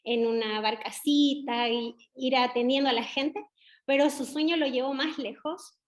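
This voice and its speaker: A middle-aged woman with a Chilean accent, a doctor speaking as guest in an interview, measured and reflective with pauses. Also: sits high, fairly even intonation. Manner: measured, reflective, frequent hesitations. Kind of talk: conversational interview.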